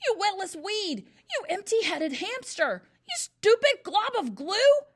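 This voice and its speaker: A woman's voice: a little high, expressive, fairly quick, close to an everyday voice. A woman voicing a huge bullying headmistress who barks and bellows with sarcasm. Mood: bellowing. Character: huge bullying female headmistress, furious and brutal.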